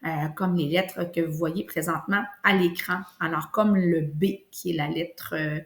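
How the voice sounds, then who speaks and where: A woman with a Québécois French accent, teaching a kindergarten lesson and slowly stretching out sounds for young children. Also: on the low side, steady tone. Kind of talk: classroom lesson video. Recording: echoey room.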